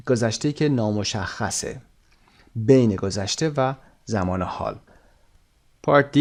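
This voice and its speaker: Man teaching English in Persian, slowly. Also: fairly low pitch. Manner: explains in Persian, reads English instructions slowly. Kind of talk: recorded textbook lesson.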